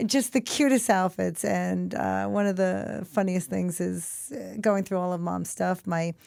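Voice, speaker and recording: A middle-aged woman hosting a heartfelt talk show, gentle and affectionate, who calls her guests honey. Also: fairly low pitch, steady tone, unhurried, gravelly, dry recording, clean studio sound. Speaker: podcast host. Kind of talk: heartfelt conversation and closing reflection.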